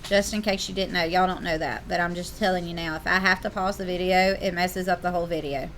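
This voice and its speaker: A woman's voice: on the low side, fairly even intonation, fast talker, fairly bright tone, a little hiss or hum. A woman teacher, leading a classroom math lesson and playfully teasing her students.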